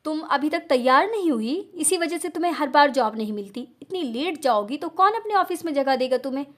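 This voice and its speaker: A woman reading an audio novel voices a middle-aged mother who calls out loudly and scolds her daughter. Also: sits high, animated, fairly quick, voice pushed up. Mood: scolding. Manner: nagging, loud calling.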